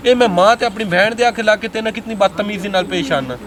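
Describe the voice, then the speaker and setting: A man's voice: sits high, fast, a crowd in the background. A man acting as a husband in a village web drama, ranting angrily and then pleading for forgiveness.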